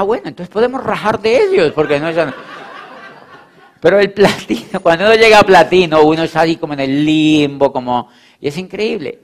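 Emphatic man giving a motivational talk. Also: a little high. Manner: repetitive, emphatic, acts out quoted voices. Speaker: motivational speaker.

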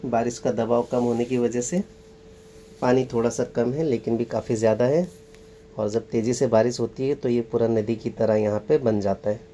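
A travel vlogger with a mellow, medium-pitched voice and steady tone leads a casual on-location tour outdoors by a waterfall, pointing things out as he guides viewers around. Rushing water and outdoor ambience make faint noise in the background.

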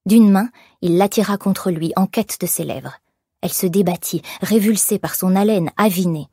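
A woman narrating an audiobook in measured, expressive storytelling. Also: mid-range voice, breathy edge, dry recording, studio quality. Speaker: audiobook reader. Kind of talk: scripted narration.

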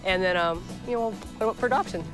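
A middle-aged woman with a mid-range voice speaks bluntly and plainly, dropping casual fillers as she talks. She runs an animal rescue and is recorded outdoors on a lapel mic. Steady background music runs beneath her words. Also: medium pitch, very fast. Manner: direct, plain-spoken, many casual fillers. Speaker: animal rescue shelter owner. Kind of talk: reality TV interview and on-location talk. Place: outdoors in open fields and lots.

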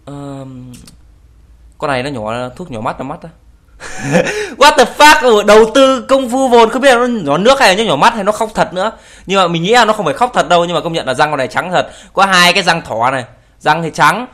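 A man's voice: fairly high pitch, lively intonation, fast talker, sharp tone. A young man casually commenting on video clips, teasing and joking, laughing often and swearing in English. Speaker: YouTuber reacting to videos.

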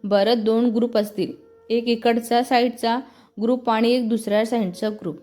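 A woman's voice: on the high side, fairly even intonation, a little mellow, soft background music, lightly acted. A woman doing a bubbly young office girl. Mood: excited. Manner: bubbly, teasing, quick questions. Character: lively chatty young woman colleague.

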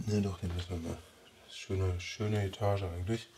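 A bonsai vlogger speaks in a low, warm voice at a moderate pace, his intonation fairly even and a little background noise audible. He has a Ruhr German accent and thinks aloud in casual commentary, muttering as he trims the tree.

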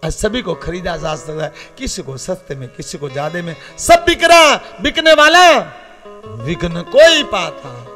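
High-pitched impassioned Saurashtra preacher. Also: male voice, big pitch swings, moderate pace, faint music behind. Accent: Saurashtra Gujarati. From Gujarat, India. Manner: impassioned, swings between loud warnings and low confiding asides. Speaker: Shiva katha preacher. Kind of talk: devotional katha sermon. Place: open-air katha gathering with live accompaniment.

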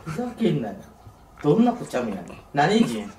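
A man's voice: on the high side, huge pitch swings, brisk, warm tone. A man with a Kansai accent bantering casually in an incredulous, accusing way. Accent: Kansai Japanese. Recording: echoey, distant, clearly noisy.

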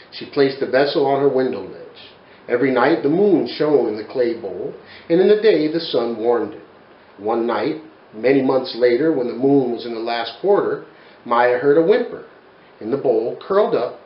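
With a mid-range voice, a man in his forties animatedly reads a children's picture book in a study full of bookshelves. The recording sounds roomy, and the high frequencies are cut off.

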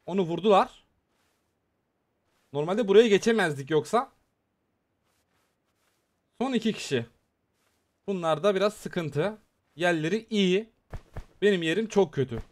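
Excitable high-voiced gamer man. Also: measured pace, pauses often. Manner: excitable, chatty, talks to viewers while playing. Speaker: gaming YouTuber. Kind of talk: live mobile game commentary.

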